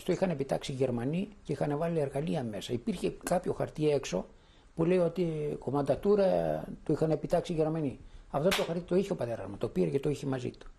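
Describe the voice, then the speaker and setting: A man's voice: a little high, creaky, warm tone. An older man from Thessaloniki giving spoken testimony, telling his memories as a vivid storyteller who acts out the voices of the people he quotes. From Thessaloniki, Greece.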